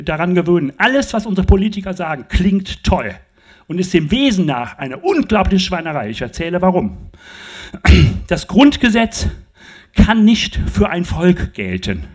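An older man lectures with a high, lively voice that swings up and down as he drives home his points. He speaks into a handheld mic on a stage in a large festival tent and keeps checking that the audience follows him. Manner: emphatic, animated, addresses audience with rhetorical questions. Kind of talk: public talk.

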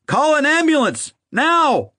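A man's voice: very high-pitched, wildly swooping pitch, takes it slowly, no echo, studio quality, pitched above the performer's own voice, full character voice. A man doing a frantic, trembling father. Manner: trembling, shouting. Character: desperate middle-aged father pleading over his dying son.

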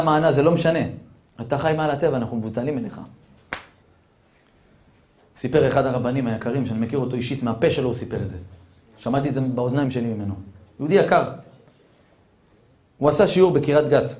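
A man, a rabbi, giving a Torah sermon full of rhetorical questions, swinging between hushed and loud. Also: medium pitch, roomy sound.

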